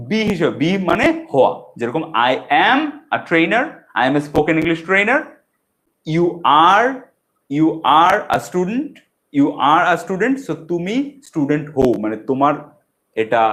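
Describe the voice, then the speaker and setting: Guy teaching spoken english, kinda high voice, slows way down on the english examples. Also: a bit bright. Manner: explains in Bengali, says English examples slowly and deliberately. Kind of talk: bilingual language lesson.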